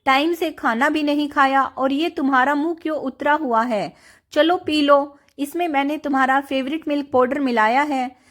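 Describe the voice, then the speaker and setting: A woman voicing a young mother who is quick to scold, in a storybook reading. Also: sits high, fairly even intonation, lightly acted.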